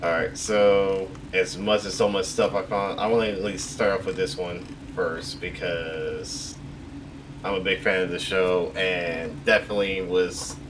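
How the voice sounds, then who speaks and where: A man's voice: low-pitched, fairly even intonation, measured pace. A man co-hosting a casual podcast, sharing news in an easygoing way with loose, filler-heavy phrasing. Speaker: podcast co-host. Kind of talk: casual chat, reading news. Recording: distant mic with clear background noise.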